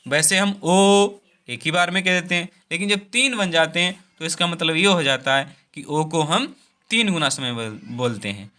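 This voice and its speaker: A man's voice: sits high, normal speed, bright, forceful tone, clean tone. A man teaching a Hindi grammar lesson, repeating each point and drawing out the vowel sounds.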